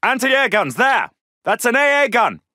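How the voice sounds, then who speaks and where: In clean studio sound with no room sound, a man voices an alert, gruff British Second World War soldier in a video game, heavily acted. His very high, very animated voice has a sharp tone and a measured pace as he shouts clipped, urgent military combat callouts.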